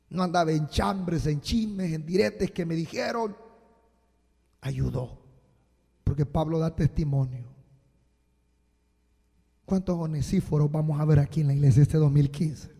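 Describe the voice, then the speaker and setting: A man preaching a sermon as a pastor, slow and emphatic with sudden loud bursts, recorded live in a church. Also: fairly high pitch, creaky, slightly rough. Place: church sanctuary. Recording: live church hall with long reverb.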